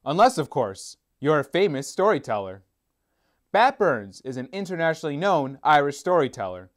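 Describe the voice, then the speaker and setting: A man's voice: on the high side, very animated, normal speed. A man narrating a scripted local news report as the reporter.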